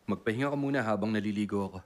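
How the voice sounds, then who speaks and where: Brisk, dry young heir, dub actor, fast and no-nonsense. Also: male voice, fairly low pitch, close to an everyday voice. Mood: curt. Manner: curt, matter-of-fact. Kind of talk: Tagalog drama dub.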